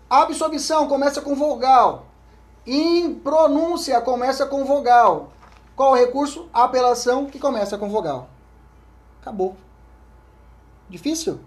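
A man with a Brazilian Portuguese accent is giving a law lecture aimed at exam prep. He reads statutes aloud, repeats the important points, and keeps checking with his listeners, often drifting into a low murmur.

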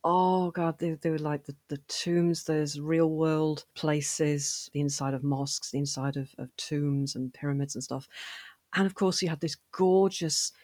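A woman chatting as a podcast guest, animated and quick to laugh, often restarting her sentences. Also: low voice, no room sound. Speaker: podcast guest, fan voice actor and writer. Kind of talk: casual interview conversation.

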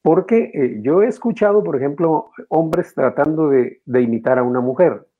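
As an interview guest, a man who teaches and works as a voice actor talks about his craft animatedly, demonstrating as he goes and swinging his pitch widely. He keeps a moderate pace, and the sound is phone quality.

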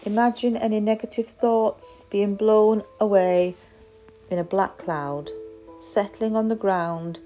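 A woman guiding a crystal meditation in a slow, soft, soothing way. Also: medium pitch, fairly even intonation, faint music behind. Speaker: meditation guide.

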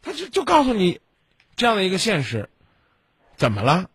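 A man's voice: high-pitched, huge pitch swings, moderate pace, a bit bright, husky, no echo. A man hosting a call-in advice show, lecturing bluntly with rhetorical questions. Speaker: radio advice host.

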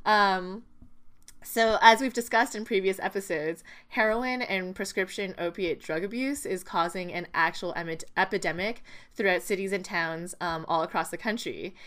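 A woman co-hosts a podcast, offering casual news commentary in a conversational style peppered with "like." Her mid-range voice has a fairly bright tone and a moderate pace.

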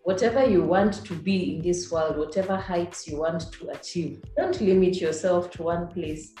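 A woman's voice: fairly low pitch, fairly even intonation, moderate pace, warm tone. Kenyan-accented woman in an echoey room. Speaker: interview guest. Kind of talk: casual conversational interview. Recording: echoey room with music underneath.

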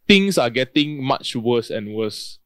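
A man's voice: medium pitch, animated, takes it slowly, a bit bright, smooth, no echo, studio quality. Malaysian man chatting in casual Singlish-style English. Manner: colloquial Singlish-style speech with lah, man and bro. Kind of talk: casual chat.

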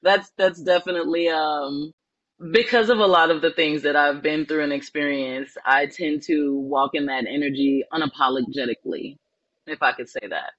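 A woman from New Orleans, a spiritual life coach, telling her life story in an earnest, reflective way with many pauses and ums. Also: low-pitched, no room sound, lo-fi sound. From New Orleans, Louisiana. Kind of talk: personal storytelling in an interview.

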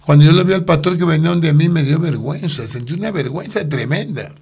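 An older man gives a rambling personal testimony, often breaking off and restarting his sentences. His voice is gravelly and husky, sitting a little high for a man. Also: fast talker, a little mellow. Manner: rambling storytelling with frequent restarts. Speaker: interviewee telling his life story.

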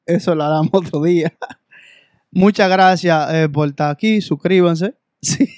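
A man's voice: a little high, unhurried, a little mellow, dry recording, studio quality. A man with a Dominican Spanish accent co-hosting a podcast in casual, slangy talk. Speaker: podcast co-host.

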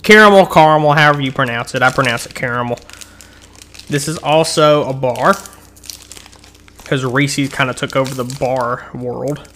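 A man's voice: medium pitch, little pitch movement, moderate pace, long pauses, pushed and bright, a little hiss or hum. Chatty man rambling through a candy review. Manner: rambling and chatty, with frequent restarts and ums; eating and chewing while he talks. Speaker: host of a candy-rating show.

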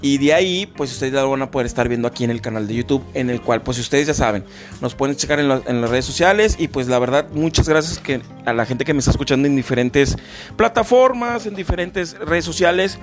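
A man's voice: mid-range voice, fairly quick, soft background music. A man hosting a podcast in casual chat, rambling with many fillers and restarts. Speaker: podcast host.

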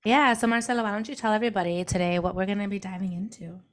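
A woman's voice: medium pitch, steady tone, racing. A woman recovering from the flu with a sick voice, co-hosting a podcast and speaking in an earnest, reflective way. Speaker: podcast co-host and trauma therapist. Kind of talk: casual podcast conversation. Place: remote recording, apart from co-host.

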